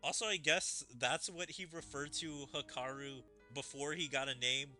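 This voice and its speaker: A gaming streamer with a fairly high, pushed and bright voice reads dialogue aloud during let's play commentary, puzzling analytically over the story and its wording as he plays. He speaks at normal speed with fairly even intonation over video game music.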